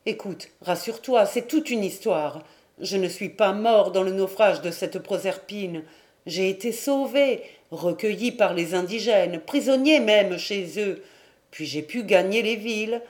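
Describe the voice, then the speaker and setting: A woman voicing a weathered young sailor home from a shipwreck, speaking low and pleading. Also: animated, a little slow, a little mellow, close to an everyday voice. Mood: tender. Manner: lowered voice, pleading.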